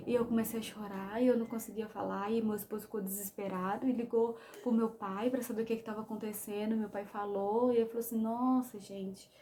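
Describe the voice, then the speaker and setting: A woman's voice: medium pitch, flat delivery, fast talker, hardly any pauses, mellow. A young woman with a Brazilian Portuguese accent telling a personal testimony to her viewers in an emotional, storytelling way. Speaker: vlogger.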